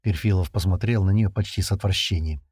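Husky male audiobook narrator. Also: low-pitched, fairly quick, no echo, clean studio sound. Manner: expressive reading of a crime novel. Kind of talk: scripted narration.

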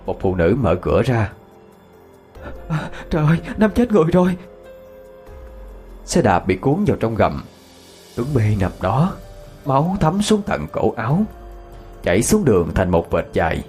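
A man narrating a ghost story in a dramatic, expressive reading. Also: on the low side, normal speed, soft background music.

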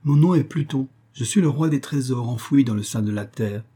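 Man reading as a coaxing, boastful underworld king in a storybook, raised voice, mellow and husky tone. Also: medium pitch, moderate pace, close to an everyday voice. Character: smooth, possessive male king of the underworld.

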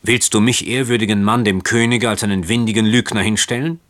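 A man's voice: lowish voice, steady tone, a little fast, a bit bright, no room sound, natural voice. A man reading aloud voices an indignant old merchant uncle who scolds sarcastically. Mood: scornful. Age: older.

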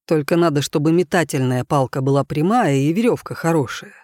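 A man's voice: a little high, fairly quick, darkish tone, dry recording, clean studio sound, natural voice. A man reading an audiobook voices an earnest, thoughtful young man who explains things carefully.

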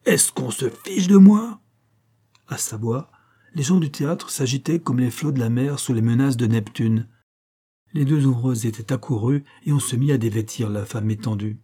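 A man reading a classic novel aloud in steady, deliberate narration. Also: medium pitch, breathy edge. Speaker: audiobook narrator. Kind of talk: scripted literary narration.

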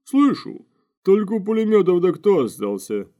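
A man voicing a panicky young male gang member who shouts in a shrill, frantic voice. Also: sing-song, normal speed, lo-fi sound. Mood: irritated.

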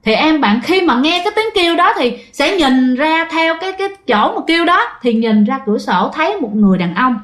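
A woman's voice: high voice, big pitch swings, fairly quick, few pauses, fairly bright tone. A woman with a Southern Vietnamese accent narrating ghost stories in a chatty way, talking straight to her listeners. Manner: chatty, addresses listeners directly. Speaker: storyteller.

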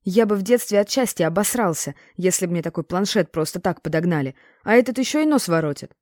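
A woman's voice: lowish voice, expressive, quick pace, a little mellow, dry recording, studio quality, lightly acted. A woman voicing a brash grown man who speaks in blunt slang and teases in an audiobook. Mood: teasing. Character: brash, rough-talking grown man, teasing.

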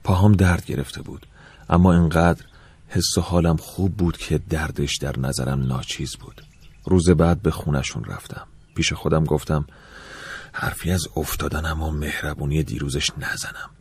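Male narrator, first-person story, extremely deep voice, breathy husky tone, wistful telling. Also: level tone. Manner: soft, reflective, wistful telling. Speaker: audiobook narrator.

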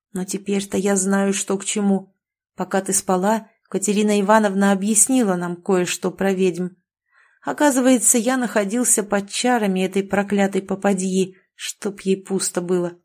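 A woman's voice: mid-range voice, flat delivery, moderate pace, a little mellow, natural voice. A woman voicing a remorseful, plain-spoken village father in an audiobook. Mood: indignant. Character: remorseful rustic father, blunt.

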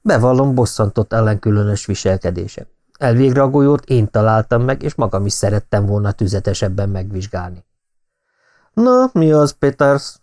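A man reading an audiobook novel in calm, measured narration. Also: on the low side. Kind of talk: scripted narration.

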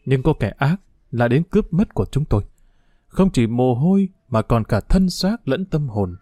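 A man's voice: mid-range voice, expressive, mellow, no echo, close to an everyday voice. A man voicing a grieving old monk. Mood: solemn forgiving. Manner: slow, solemn preaching cadence. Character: grieving elderly monk, bereaved father, forgiving.

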